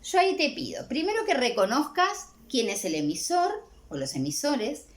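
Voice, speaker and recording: A Uruguayan woman teacher walks a student through a recorded lesson. Her pitch moves a lot and stays animated as she pauses to check in. She speaks in a friendly, encouraging tone. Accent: Uruguayan Spanish. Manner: warm, checks in with repeated "¿sí?". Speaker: language teacher. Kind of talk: recorded exam-prep lesson.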